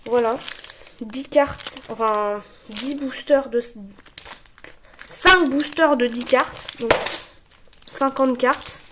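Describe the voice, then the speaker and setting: Young woman, casual streamer, high voice, slow unhurried talk, chatty, halting English asides. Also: background noise. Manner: chatty, thinking aloud, switching into halting English. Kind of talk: casual livestream, opening card packs. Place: at home at a table.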